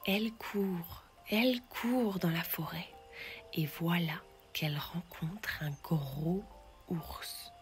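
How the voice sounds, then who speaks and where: A woman tells a bedtime tale for children, her voice soft and often dropping to a gentle whisper. She takes her time, letting each phrase settle unhurriedly. Quiet music plays faintly underneath. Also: on the low side, takes it slowly. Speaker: storyteller. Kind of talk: children's bedtime story narration.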